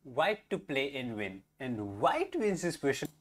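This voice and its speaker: A man's voice: medium pitch, huge pitch swings, measured pace. A man explaining a chess puzzle methodically, step by step. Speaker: chess instructor.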